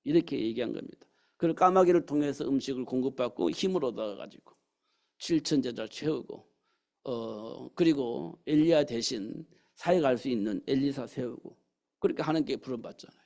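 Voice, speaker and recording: A man's voice: mid-range voice, brisk, gravelly, mellow. A man preaching a sermon in a church, often asking the congregation rhetorical questions. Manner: preaches with rhetorical questions and acted quotes of God's words. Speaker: pastor. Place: church sanctuary.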